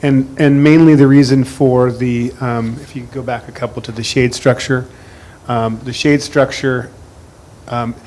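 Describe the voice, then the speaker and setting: A man's voice: mid-range voice, fairly even intonation, unhurried, a little mellow, slight background noise. A man at a board meeting explaining a resolution, hesitant with many fillers and restarts.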